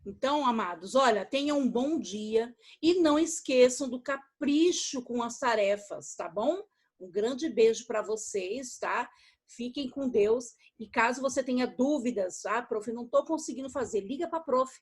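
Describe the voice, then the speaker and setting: A woman's voice: a little high, expressive, measured pace, a little mellow, breathy edge. A woman teacher with a Brazilian Portuguese accent, giving a recorded lesson to young children, patient and affectionate, checking in after every step. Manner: affectionate toward pupils, uses diminutives. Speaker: primary school teacher.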